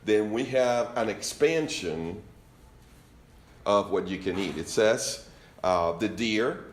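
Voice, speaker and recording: Speaking slowly with an expressive, low-leaning voice, a Spanish-accented man from Venezuela delivers an informal sermon. He jokes and chats with the congregation as he teaches from scripture, and the room rings with reverb.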